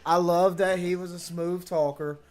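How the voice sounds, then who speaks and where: A man with a high-pitched voice hosts a casual wrestling podcast. He is excitable and reacts quickly. He swears freely as he talks. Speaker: podcast host.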